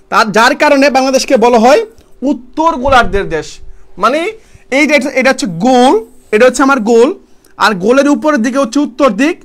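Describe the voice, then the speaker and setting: A young male tutor gives a fast online exam-prep lecture in a very high voice. He fires questions at his students and answers them himself, repeating each key term. He speaks casually and calls his students brother. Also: fairly bright tone.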